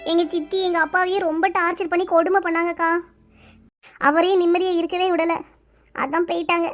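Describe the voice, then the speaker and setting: Voicing a mistreated village woman in her twenties for a cartoon, a woman speaks in a very high, level-toned voice with faint music behind. The mood is sorrowful as she rapidly recounts her hardships, tearful and pleading.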